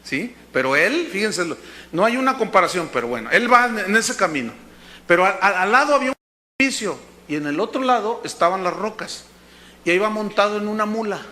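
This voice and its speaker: High, bright pastor preaching. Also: male voice, brisk. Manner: lively, acts out dialogue with bursts of shouting. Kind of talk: animated sermon.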